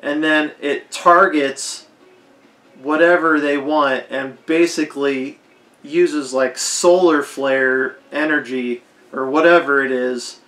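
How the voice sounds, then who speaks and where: A man with a hoarse, fading voice giving a rambling, unscripted movie commentary, leaning hard on "like". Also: on the high side, steady tone, takes it slowly, fairly bright tone. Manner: rambling, heavy use of "like". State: hoarse, losing his voice. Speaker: film commentator. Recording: echoey roomy recording.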